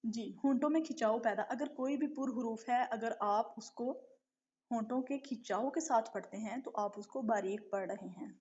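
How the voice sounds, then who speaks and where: A woman with a fairly high voice teaches recitation in a live online class. She explains patiently, stretches out letter sounds to demonstrate them, and keeps checking that her students follow. The sound is dull and lo-fi, like an online stream. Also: a little mellow, breathy edge. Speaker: tajweed teacher.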